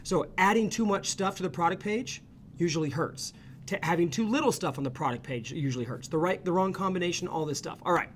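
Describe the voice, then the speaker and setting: A man walking viewers through a screen-share tutorial as an ecommerce consultant, energetic and chatty, checking in with "okay?" and "right?" after each point. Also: sits high, fairly quick, slight background noise.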